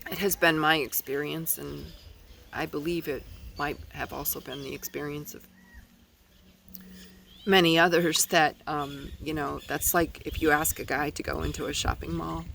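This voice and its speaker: A man's voice: fairly high pitch, fairly even intonation, normal speed, vocal fry, pushed and bright, low-quality recording. A man hosting a podcast in a rambling opinion monologue, hesitant and blunt, recorded outdoors in the wind. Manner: hesitant, many fillers and restarts, blunt opinions. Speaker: podcast host.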